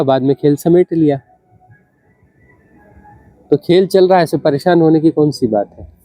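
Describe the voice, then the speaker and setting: A man, a spiritual teacher, gives an unhurried discourse, repeating phrases for emphasis and asking rhetorical questions. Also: fairly high pitch, mellow, no echo.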